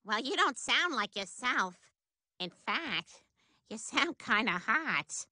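An actress voicing an animated cartoon wife who is lively and easily excited. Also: female voice, takes it slowly, dry recording, clean studio sound, full character voice. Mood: surprised. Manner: animated, swoops between high and low. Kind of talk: cartoon voice acting.

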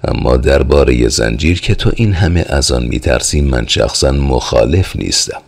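A worldly male friend who teases and reassures, read by a man in an audiobook. His tone stays easygoing and chiding, very deep and gravelly with a husky grain. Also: animated, heavily acted. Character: worldly joking male friend, teasing and persuasive.

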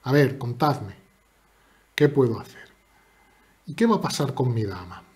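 A man's voice: medium pitch, animated, a little slow, a little mellow. A man streaming and commentating his own live chess games in a playful, chatty way, teasing his opponent and talking to his viewers.

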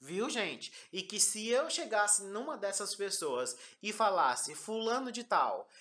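A woman's voice: mid-range voice, big pitch swings, takes it slowly, a bit bright. A woman with a Brazilian accent telling a hurt, confiding personal story to her followers, tagging her sentences with "né?" again and again. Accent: Brazilian Portuguese. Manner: hurt, confiding, keeps repeating the tag "né?". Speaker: vlogger.

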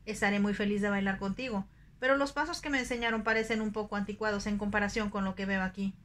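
A woman voicing an innocent, candid young woman in a soft ASMR audiobook reading, in a sweet, earnest and naive way. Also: mid-range voice, steady tone, quick pace, lightly acted.

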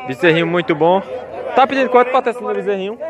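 High-pitched, animated and fast-talking, a man tours a cattle fair, filming the outdoor pens on his phone. His walkaround commentary is casual, chatty and repetitive, and he keeps calling out to his viewers as crowd chatter rises from the outdoor market.

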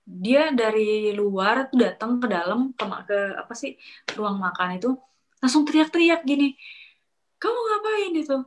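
A young woman casually telling a personal story, chatty and animated, acting out what others said. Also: mid-range voice. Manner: animated, acts out quoted coworkers with sharp rises; chatty, many fillers and restarts, slangy. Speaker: storyteller sharing a work experience. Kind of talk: casual chat, confiding story.

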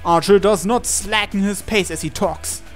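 Music runs beneath a let's player's dramatic narration as he reads a visual novel's on-screen text aloud. He speaks at normal speed in a voice that sits high.

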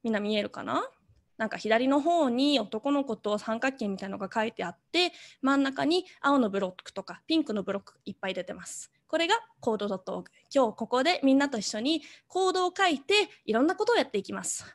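A woman's voice: fairly high pitch, expressive, quick pace. A woman teaching an online coding lesson to children, cheerful, and mixing English words into her speech.

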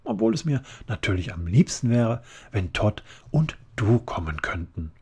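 A man voicing an excited young vampire girl who pleads eagerly, in a relaxed ASMR story reading. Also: fairly low pitch, normal speed, gravelly, husky, heavily acted.

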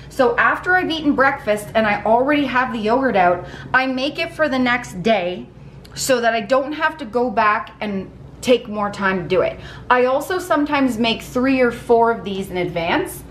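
A woman's voice: sits high, fairly bright tone, a little hiss or hum. A woman in her thirties chatting upbeat to viewers as she preps food in her home kitchen, camera held at arm's length. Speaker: vlogger showing meal prep. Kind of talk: casual cooking vlog talk. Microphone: handheld camera at arm's length.

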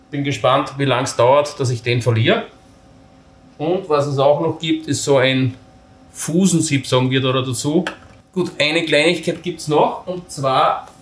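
A man casually walking through assembling camping gear step by step, talking while he handles the parts and poking fun at his own mistakes. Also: on the high side. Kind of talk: hands-on assembly tutorial. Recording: roomy echo with faint noise.

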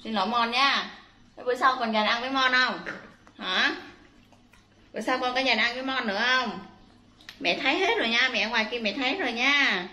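A woman's voice: a little high, moderate pace, pauses often, sharp tone, reverberant. A woman talking to her pet monkey like a mother, chiding it in repetitive, motherly baby talk.

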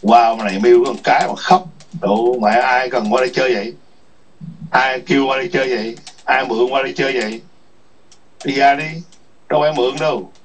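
A man's voice: mid-range voice, fairly even intonation, brisk, pauses often, slight background noise. A man ranting in an online chat room, scolding and cursing with repeated taunting questions. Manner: foul-mouthed, scolding, repetitive taunts. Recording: distant muffled lo-fi mic.

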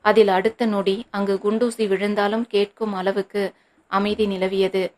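A woman's voice: mid-range voice, little pitch movement, normal speed. A woman narrating a novel as an audiobook, reading steadily and evenly.

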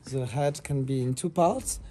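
Against a noisy background, a young man with a French accent speaks at normal speed in a mid-range voice. He's a fashion designer presenting a collection in a showroom, explaining things casually in hesitant but enthusiastic English.

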